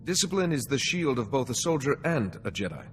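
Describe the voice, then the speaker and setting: An actor playing a calm, wise and dutiful Jedi in a video game, speaking formally and with measured care. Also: male voice, medium pitch, a little hiss or hum. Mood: composed, polite. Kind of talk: video game cutscene dialogue.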